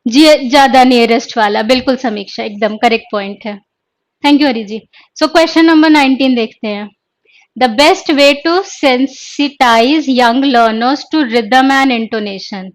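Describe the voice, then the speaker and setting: High-voiced woman teaching a live lesson. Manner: explains step by step, asks questions and answers them herself; mixes English terms into her talk. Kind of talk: live online exam-prep lesson.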